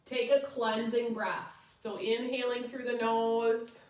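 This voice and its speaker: A woman's voice: fairly high pitch, flat delivery, takes it slowly, darkish tone. A woman yoga instructor guiding a chair class, giving short step-by-step cues. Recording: echoey room, distant microphone.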